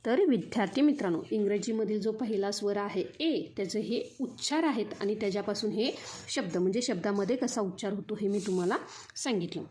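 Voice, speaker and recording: A woman's voice: mid-range voice, mellow. A young woman teacher with a Marathi accent, explaining sounds to pupils and often repeating her questions. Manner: repeats questions to students, spells out sounds slowly. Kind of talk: classroom lesson explaining English vowel sounds.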